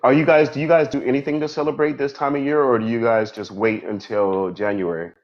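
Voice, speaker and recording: A man's voice: mid-range voice, fairly even intonation, brisk, highs cut off. A man hosting a live stream interview, talking enthusiastically and effusively. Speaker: host.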